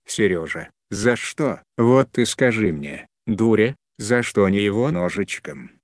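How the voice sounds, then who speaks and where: A man's voice: on the low side, lively intonation, a little slow, no room sound, clean studio sound. A man voicing a drunk, quarrelsome middle-aged village woman who talks harshly and scolds. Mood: aggrieved.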